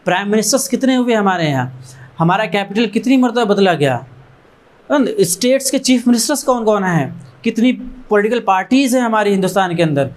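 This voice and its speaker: High-voiced man urging students on. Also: lively intonation, brisk. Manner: earnest, exhorting, piles up short repeated phrases. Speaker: founder of an education trust addressing students. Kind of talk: motivational talk to students. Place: learning centre room with students and teachers.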